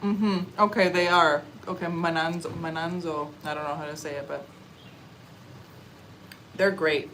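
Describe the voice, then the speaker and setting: A young woman from Canada chatting casually on a livestream while eating, answering comments in a relaxed, chatty way with little murmurs of enjoyment. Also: sits low, unhurried, pauses often, slight background noise, rough recording. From Canada (Ontario). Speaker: livestream vlogger. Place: outdoors or open space in a warm country.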